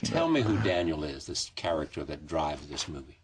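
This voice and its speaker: A man's voice: extremely low pitch, sing-song, normal speed, noisy background. A man hosting an interview, asking probing questions and prompting his guests. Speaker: interview host.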